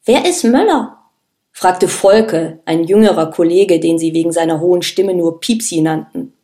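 A woman narrating an audiobook in a steady, measured storytelling manner. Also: on the low side. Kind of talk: scripted narration.

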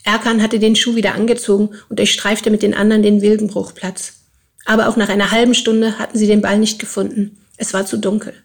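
A woman's voice: medium pitch, little pitch movement, brisk, creaky. Woman reading a novel aloud. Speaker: narrator. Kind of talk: audiobook reading.

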